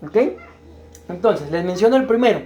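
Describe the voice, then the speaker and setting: A man's voice: high voice, animated, moderate pace, a little mellow. Male pastor teaching and questioning his congregation. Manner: explanatory, checks understanding with frequent "¿verdad?"; questions the congregation and waits for answers. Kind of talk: teaching sermon.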